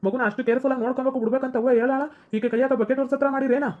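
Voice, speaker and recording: A woman acts out a quarrelsome young husband in a comedy skit, arguing in a North Karnataka Kannada accent. The voice is high for a man and the words pour out very fast. The recording sounds dull and lo-fi. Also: steady tone, background noise, natural voice. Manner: quarrelsome, complaining. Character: young husband Shankar, hotheaded son.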